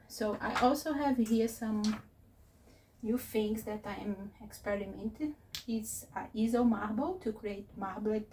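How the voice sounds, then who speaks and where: A woman who is not a native English speaker, giving a casual, unscripted tour as a vlogger in a hesitant, halting way. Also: mid-range voice, a little mellow. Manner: hesitant, halting phrasing with searching pauses. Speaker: craft vlogger and presenter. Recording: distant mic with faint noise.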